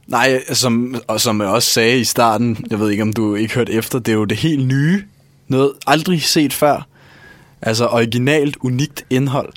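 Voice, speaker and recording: A man's voice: medium pitch, no echo. Man, dry studio sound. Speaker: radio show host and reporter.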